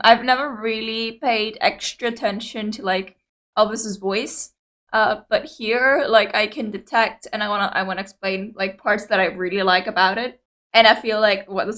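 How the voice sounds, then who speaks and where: Here a young Cypriot woman, a native Greek speaker, has a medium-pitched voice with a fairly bright tone and a Greek Cypriot accent. She hosts reaction videos, talking casually and meandering as she addresses viewers. She hesitates a lot and leans on many fillers.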